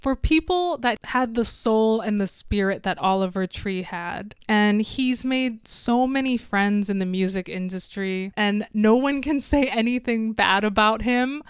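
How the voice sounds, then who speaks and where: A woman's voice: mid-range voice, a little slow, few pauses, smooth, no room sound, studio quality. A young woman vlogging a heartfelt personal tribute, talking earnestly and directly to her viewers. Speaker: illustrator and video creator. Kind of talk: personal tribute vlog to camera.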